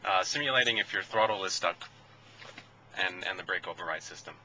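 A man calmly explaining a car demonstration while driving, in a casual, matter-of-fact way with small restarts, recorded on a phone video inside a moving car. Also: deep voice, a little fast. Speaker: car company demonstration driver. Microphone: handheld phone camera held by the passenger. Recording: dull lo-fi phone video, a little off-mic, faint road noise.

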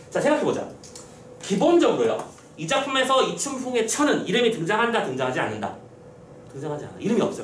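A man's voice: sits high, echoey room, far from the mic, a little hiss or hum. A male teacher giving an exam-prep literature lecture, constantly checking in with his students.

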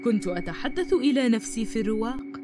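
A woman's voice: fairly high pitch, animated, quick pace, background noise. Woman narrating a dramatic cartoon story.

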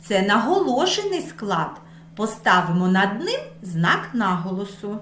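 Female preschool teacher, slow, sing-song and lively, echoey room with light music behind. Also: mid-range voice, slight background noise. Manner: sing-song, stretching words to show stress. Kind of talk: slow lesson for small children.

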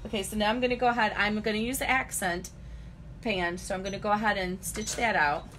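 A woman's voice: mid-range voice, fairly even intonation, a little fast, a bit bright, slight background noise. A woman giving a chatty live-stream embroidery demonstration, greeting viewers and talking through each step as she works.

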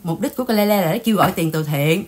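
A woman's voice: lowish voice, very fast, darkish tone. A woman born in Vietnam hosting a channel, chatting indignantly in casual gossip commentary and often calling out to her viewers. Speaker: channel host.

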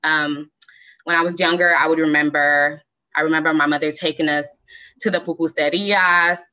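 Woman, low pitch, crisp bright tone, reflective, frequent ums, video call. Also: steady tone, poor audio. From Southern California. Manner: measured, many ums, reflective. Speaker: panel guest. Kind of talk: personal storytelling on a video call.

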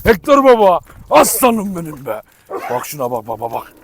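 High-voiced man vlogging among his dogs. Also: huge pitch swings, moderate pace. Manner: affectionate baby talk to dogs, sharp commands. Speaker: dog breeder vlogger. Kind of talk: casual vlog talk to camera and dogs. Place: outdoor yard with dogs. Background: dogs barking.

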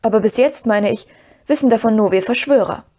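Woman reading as Merry, calm shrewd hobbit. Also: a little high, a little fast, lightly acted. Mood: reassuring. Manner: calm, decisive, knowing. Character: calm, shrewd young male hobbit friend.

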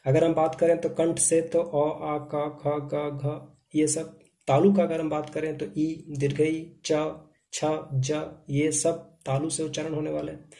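A man with a fairly high, mellow voice gives a grammar lesson. He works through examples one by one in a steady, methodical way, like a teacher at a board. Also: vocal fry.

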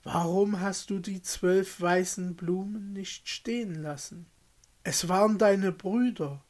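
A man voicing a hushed, grave old woman. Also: sits high, takes it slowly. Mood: sorrowful.

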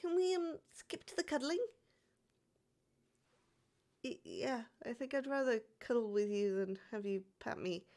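In an intimate roleplay audio, a man uses an extremely high, creaky character voice at a measured pace with frequent pauses to play a bashful young catboy demon pretending to be tough. Sleepy and pouty, he stammers hesitantly and sighs softly.

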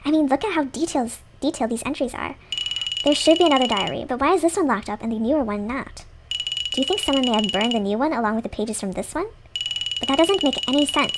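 A woman voicing a quick eager male game doctor. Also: high voice. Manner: excited, quick-reasoning. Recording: loud background noise.

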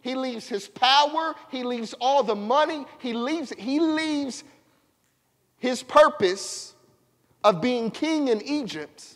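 A man's voice: very high-pitched, lively intonation, slow, fairly bright tone. A man preaching a sermon to a congregation, calling on them to repeat lines back to him. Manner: preaching with call-and-response to the congregation. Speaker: pastor. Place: church sanctuary. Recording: long church reverb.

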